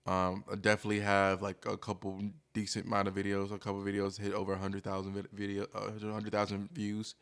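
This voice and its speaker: A man's voice: lowish voice, monotone, a little fast, few pauses, a bit bright, clear, resonant tone. A man streamer talking casually and candidly in a rambling, hesitant, self-deprecating monologue, as if thinking aloud.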